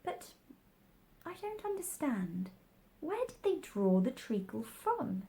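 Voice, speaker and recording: A polite little girl from a storybook, played by a woman. She is full of earnest questions and quick to take offence. Her pitch is very lively. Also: vocal fry, full character voice. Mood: curious. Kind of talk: storybook character voice.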